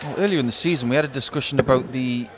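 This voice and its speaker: A man with a medium-pitched, rapid-fire voice serves as a darts co-commentator, offering analytical, chatty live commentary. A darts crowd can be heard behind him.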